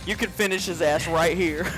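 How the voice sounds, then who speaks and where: A man narrating as game master of a tabletop role-play game, excitable, with loud sound effects, over a headset. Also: on the high side, normal speed, over loud music.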